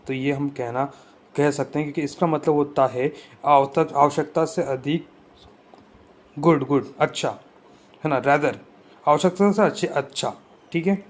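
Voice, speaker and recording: A man teaching an exam-prep grammar lesson, explaining rules step by step and often checking that his students follow. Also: a little high.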